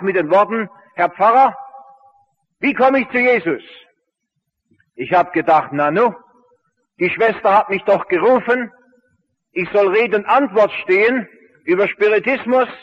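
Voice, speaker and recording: High-voiced pastor in a reverberant church. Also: male voice, highs cut off. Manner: earnest storyteller acting out quoted dialogue. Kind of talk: storytelling sermon.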